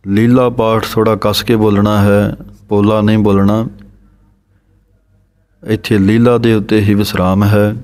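A man teaching the pronunciation of scripture recitation. He chants each verse slowly, then explains how every word should be said. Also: lowish voice, little pitch movement, a little mellow.

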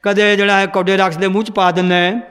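A man's voice: high voice, flat delivery, fairly bright tone, smooth. A man voicing an angry male companion of a saint who complains that he has waited long for his reward, in a reverberant hall. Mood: aggrieved. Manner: aggrieved, rapid complaining.

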